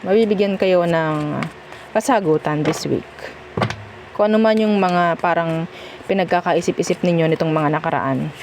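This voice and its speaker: A woman's voice: fairly low pitch, normal speed, noisy background. A woman with a Filipino accent giving a casual tarot reading, chatty and reassuring, often checking in with "okay?". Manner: chatty, reassuring, mixes Tagalog and English, frequent "okay?". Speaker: tarot reader.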